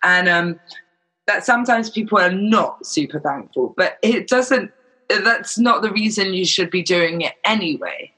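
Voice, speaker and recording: A man with a fairly high, sharp and forceful voice that has a raspy edge. He chats casually and frankly, explaining his point and slipping into imagined quotes. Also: measured pace, rough recording. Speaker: charity volunteer. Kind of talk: casual chat.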